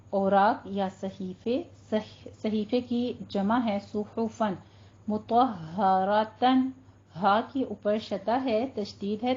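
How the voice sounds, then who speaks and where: A woman teaching Quran recitation rules, patiently explaining and drawing recited words out slowly. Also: mid-range voice, dark tone, dull audio. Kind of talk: tajweed lesson with slow recitation.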